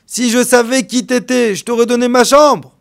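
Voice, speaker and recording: A man voicing a distraught homeowner who begs forgiveness, loud and high. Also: steady tone, normal speed, gravelly. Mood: anguished pleading. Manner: loud, pleading, high-pitched.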